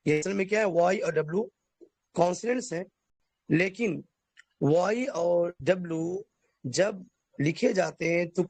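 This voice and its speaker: A man teaching a basic English lesson, explaining letter sounds and spelling words out slowly letter by letter. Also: high-pitched, darkish tone, dry recording. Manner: addresses listeners formally.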